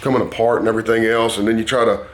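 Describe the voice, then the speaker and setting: A man's voice: fairly low pitch, little pitch movement, rapid-fire. A talkative man with a Southern US hillbilly drawl gives a casual, folksy, rambling hands-on tutorial in a workshop. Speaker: motorcycle painter and builder presenting a how-to. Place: dingy workshop. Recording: noisy workshop ambience.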